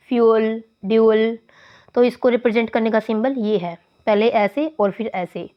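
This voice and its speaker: A woman teaching phonetics step by step, drawing out example words and calling her viewers "guys". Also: a little high. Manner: explains step by step, calls listeners "guys", stretches example words. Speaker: English teacher. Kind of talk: phonetics lesson. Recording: dull lo-fi voice recording.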